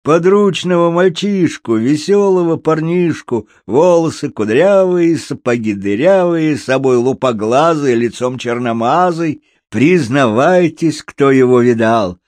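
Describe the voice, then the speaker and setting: A man's voice: a little high, lively intonation, measured pace, hardly any pauses, darkish tone, no room sound, pitched above the performer's own voice. A man voicing a cheerful middle-aged puppeteer who speaks in singsong rhymes. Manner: singsong rhyming patter.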